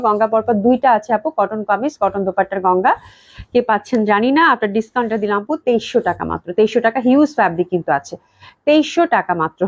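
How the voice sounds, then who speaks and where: A woman hosting a live-stream sales pitch for clothing, chatty and gushing, addressing her viewers over and over. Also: no echo. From Bangladesh. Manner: chatty, repetitive gushing praise, talks to viewers. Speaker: clothing shop seller. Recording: dull lo-fi live-stream audio.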